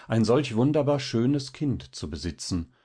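A man voicing a kindly, doting older village pastor who speaks in an earnest, unhurried way. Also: mid-range voice, animated, dark tone, husky, voice pushed up.

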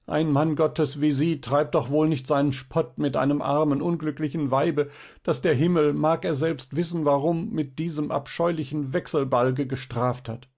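A man's voice: on the low side, animated, unhurried, a little mellow, slightly rough, heavily acted. A man voicing a poor, distressed peasant mother who pleads in a tearful, whining way.

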